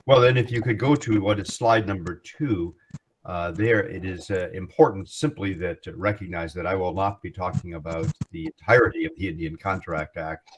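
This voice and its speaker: A man giving an academic lecture over a video call, halting and correcting himself as he goes. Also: deep voice. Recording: noisy line with clicks.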